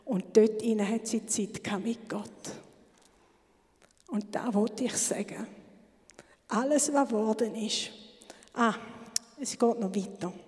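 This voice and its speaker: A woman giving a fervent church testimony, sometimes dropping to a hushed whisper for emphasis. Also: a little high, a little slow, pauses often. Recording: long hall reverb.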